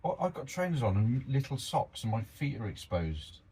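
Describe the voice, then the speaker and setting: A man's voice: medium pitch, very animated, normal speed, warm tone, breathy edge, rough recording. A middle-aged man chatting casually outdoors as a podcast co-host, reading out dates in a jokey way. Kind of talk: casual chat. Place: outdoors in the cold.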